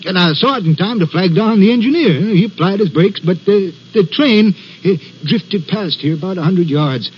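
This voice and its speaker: Old radio drama: a haunted signalman, high-voiced and halting, dull old recording. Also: animated, slightly rough. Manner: halting, stammering storyteller. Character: haunted, nervous railway signalman. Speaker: railway signalman. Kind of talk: 1940s radio acting.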